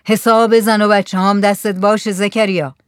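A woman's voice: mid-range voice, flat delivery, clean tone, no room sound, clean studio sound, close to an everyday voice. A woman voicing a commanding village headman in a storybook reading.

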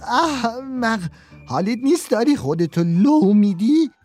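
A man's voice: sits high, big pitch swings, mellow, faint music behind, pitched above the performer's own voice. A man voicing a sly, bossy male thief leader in a storybook, speaking sharply and commandingly. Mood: furious.

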